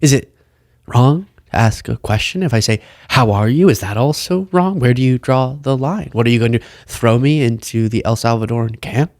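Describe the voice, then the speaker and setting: A man's voice: medium pitch, fairly quick, a little mellow, no room sound, studio quality. A man hosting a political commentary show, talking casually and sarcastically as he reacts to clips. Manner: sarcastic, mocking impressions.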